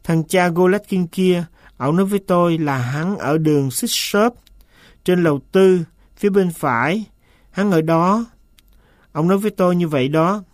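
A man's voice: sits high, normal speed, no room sound, natural voice. Sulky servant for an audiobook, stubborn and evasive, read by a man, dry close sound. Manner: stubborn, insistent denials. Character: sullen, evasive male manservant.

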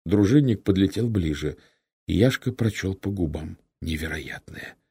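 Gravelly deep-voiced man narrating. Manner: steady measured storytelling. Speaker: audiobook narrator. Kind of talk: scripted narration.

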